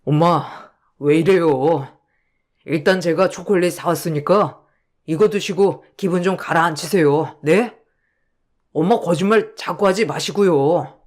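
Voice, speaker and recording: A worn-out husband who speaks in a gentle, apologetic tone. His lines come slowly and quietly, in the manner of a radio drama. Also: lowish voice. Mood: coaxing. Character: weary, apologetic husband and son.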